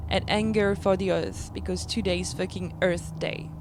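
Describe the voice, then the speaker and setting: A woman's voice: on the low side, steady tone, moderate pace, noisy background. A woman delivering a bitter, angry spoken-word monologue in non-native English. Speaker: performance artist. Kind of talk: spoken-word art piece over music. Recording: spoken over loud music. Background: loud music.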